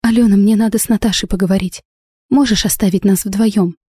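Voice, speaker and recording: Dasha, a tearful eighteen-year-old bride, as a woman narrator puts her on, pleading and frightened. The voice is mellow and close, with no room sound at all. It is a storybook reading. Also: mid-range voice, fairly even intonation, brisk, breathy edge, no room sound, voice pushed up, natural voice.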